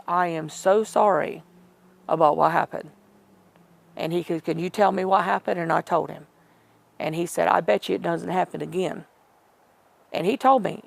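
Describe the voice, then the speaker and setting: A woman's voice: fairly low pitch, gravelly, no room sound. A middle-aged woman telling a personal story in an interview, rambling and emotional, acting out what others said. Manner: rambling, emotional retelling with quoted dialogue. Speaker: interview guest.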